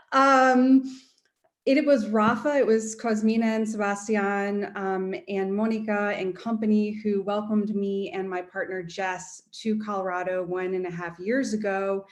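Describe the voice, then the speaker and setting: A woman's voice: mid-range voice, roomy sound. A woman from the United States with an American accent, a history professor giving an earnest speech at a community event, with frequent ums and restarts.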